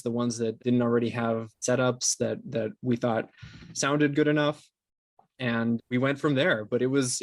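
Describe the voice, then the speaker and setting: A man interviewed about his work as a podcast producer explains things conversationally but haltingly, restarting often. His voice is medium-pitched and the recording is dry.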